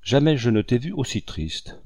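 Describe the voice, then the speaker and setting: A man's voice: mid-range voice, big pitch swings, moderate pace, creaky, darkish tone, no room sound, clean studio sound, voice pushed up. A man reading an audiobook, voicing a stern, bossy male comrade who scolds curtly. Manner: scolding, curt.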